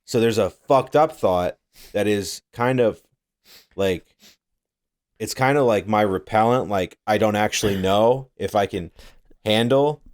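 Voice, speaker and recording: A man's voice: fairly low pitch, measured pace, long pauses, a little mellow. A young man co-hosting a casual podcast, rambling through his thoughts, swearing a lot and laughing often. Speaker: podcast co-host. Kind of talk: casual chat.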